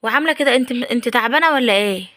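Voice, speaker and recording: A woman's voice: fairly high pitch, very fast, sharp tone. A woman with an Egyptian accent playing a pushy, freeloading sister-in-law who whines and keeps repeating the other woman's name. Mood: whiny.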